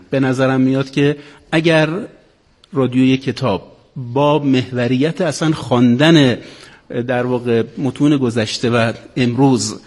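A man speaking formally off the cuff as a guest scholar, measured in manner, in a reverberant hall. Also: mid-range voice, a little mellow. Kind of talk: formal extempore speech.

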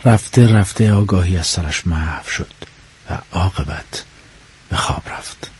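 A man narrating a novel as an audiobook, telling the story in a measured way that drops to a hush in quiet scenes, with a husky voice. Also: low voice.

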